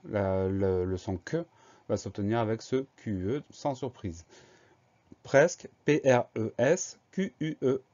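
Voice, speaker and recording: A man's voice: fairly low pitch, lively intonation, slow, warm tone. A man teaching a spelling lesson, patiently explaining each word step by step and spelling it out letter by letter. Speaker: primary school spelling teacher. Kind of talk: slow, methodical spelling lesson. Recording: slightly dull lo-fi recording.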